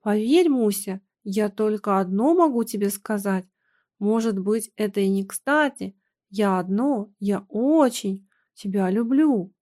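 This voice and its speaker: A woman reading aloud, voicing a timid older husband who pleads softly and hesitantly. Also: medium pitch, a little slow, natural voice. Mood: pleading.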